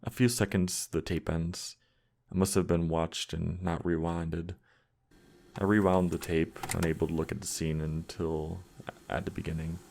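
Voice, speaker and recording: A man narrating a scripted horror story with a measured, steady delivery. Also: low-pitched, gravelly. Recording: music playing underneath.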